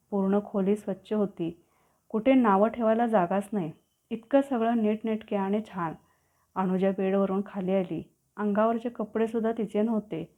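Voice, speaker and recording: Female storyteller, calm descriptive read, mid pitch, phone-thin sound. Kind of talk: scripted story narration. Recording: tinny phone-like audio.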